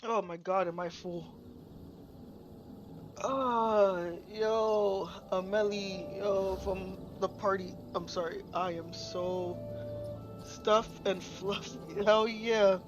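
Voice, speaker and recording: A stuffed, sleepy game streamer chats casually with the stream, rambling and drawling. The talk comes out very slowly. Game music plays clearly in the background. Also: medium pitch, fairly even intonation. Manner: drawling, rambling, laughing often. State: stuffed and sleepy after eating. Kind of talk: casual live-stream chat.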